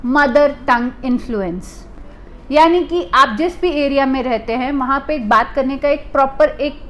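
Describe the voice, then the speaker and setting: A woman from India who runs a private detective agency, explaining to the camera in a deliberate way and restating her points for emphasis. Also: high voice.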